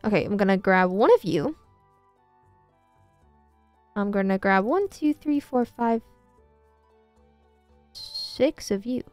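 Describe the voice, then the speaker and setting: A young woman streaming a farming game, excitable and gushing, chatting to her viewers. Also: mid-range voice, takes it slowly, long pauses, soft background music. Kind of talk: casual gaming commentary.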